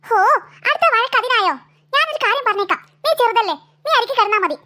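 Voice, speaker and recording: A woman's voice: very high-pitched, expressive, fast talker, bright, forceful tone, full character voice. A woman voicing a nagging cartoon mother. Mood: scolding. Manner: nagging, exasperated scolding. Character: scolding tired mother of two girls.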